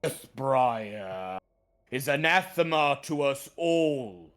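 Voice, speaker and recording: A man's voice: mid-range voice, expressive, very slow, a bit bright, pitched above the performer's own voice. An ancient talking tree, played by a male game master speaks with grave formality. The grumbling treant takes its time over every pronouncement, solemn and weighty, as in a fantasy tabletop game. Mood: grave, emphatic.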